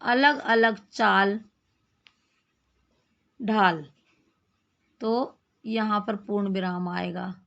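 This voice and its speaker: A woman teaching a grammar lesson, explaining slowly, repeating phrases and asking questions of her class. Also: mid-range voice, gravelly, a bit bright, highs cut off.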